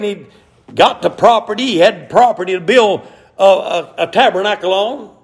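A middle-aged man preaching a sermon, telling folksy stories and rising to shouted emphasis. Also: high voice.

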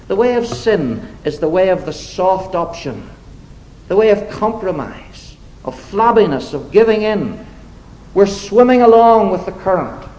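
A man preaching a sermon to his congregation, deliberate and emphatic, slipping into wry, self-deprecating asides. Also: high voice, darkish tone, rough recording.

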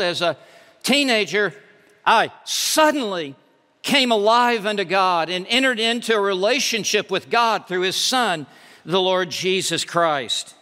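High-voiced emphatic preacher in a hall. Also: male voice, sharp tone. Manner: emphatic preaching with repeated words. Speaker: pastor. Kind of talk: sermon. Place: church sanctuary. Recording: reverberant hall.

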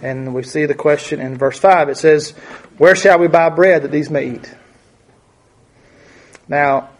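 Halting, conversational male Bible teacher. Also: fairly high pitch, darkish tone. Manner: conversational, halting, many restarts and asides. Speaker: preacher.

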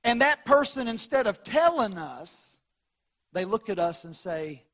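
High-pitched Southern preacher with folksy drawl. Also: male voice, sing-song, unhurried, a bit bright, faint music behind. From American South. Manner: folksy drawl, down-home grammar, acts out dialogue. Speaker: pastor preaching. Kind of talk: folksy storytelling sermon.

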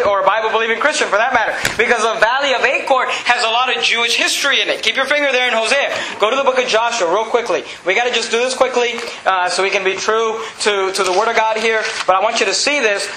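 Bright-voiced man preaching in an echoey church. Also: sits high. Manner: earnest preaching, reads scripture aloud, addresses congregation directly. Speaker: pastor. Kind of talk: sermon. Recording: echoey room, faint ambient noise.

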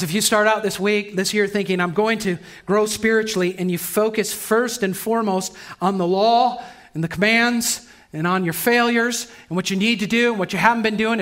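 A man preaching a sermon as pastor in a church, earnest, moving between brisk passages and slow, emphatic lines. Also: sits high, fairly bright tone.

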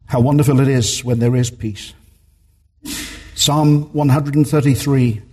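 A man's voice: medium pitch, warm tone, husky, in a large hall. A man preaching a sermon as a minister in a church, earnest and emphatic, repeating his key points.

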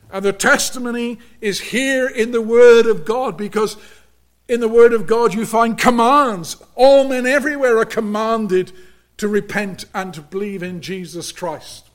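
A man with a fairly high voice delivers a sermon at an unhurried, deliberate pace. He preaches earnestly and with emphasis, and often sinks abruptly into a near-hushed tone.

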